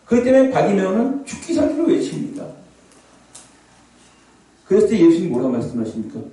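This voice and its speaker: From across a spacious, reverberant prayer hall, a distant pastor preaches a revival sermon at a brisk clip. His voice is high, warm and mellow, ranging lively up and down, with the odd shouted scripture cry.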